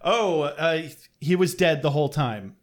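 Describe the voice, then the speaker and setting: High-pitched guy rambling through a cartoon episode recap, swears a lot and cracks jokes. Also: expressive, measured pace, crowd noise. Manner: rambling, jokey, profane. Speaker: podcast co-host.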